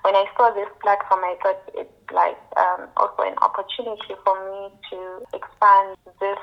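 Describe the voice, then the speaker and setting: A muffled, lo-fi recording of a woman with a mid-range voice. She talks casually and hesitantly, pausing to find her words. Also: medium pitch, flat delivery, vocal fry, soft background music. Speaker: radio show participant who helps international students. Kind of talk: casual conversation. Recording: muffled, lo-fi radio or call sound.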